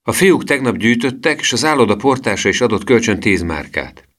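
A man voicing a young schoolboy who speaks loudly and eagerly. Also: mid-range voice, animated, pitched above the performer's own voice. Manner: loud and eager.

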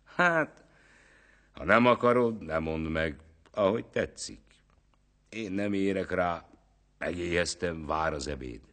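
A man's voice: low voice, expressive, long pauses, a bit bright, pitched above the performer's own voice. A man voicing a sly, bold poor peasant in a folk tale. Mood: offhand. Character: cheeky, down-to-earth poor male peasant.

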